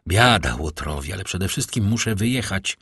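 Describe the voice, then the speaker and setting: A man's voice: low-pitched, animated, moderate pace, a bit bright, breathy edge, no echo, clean studio sound, full character voice. A man voicing an agitated young nobleman who speaks with urgent, shaken pleading.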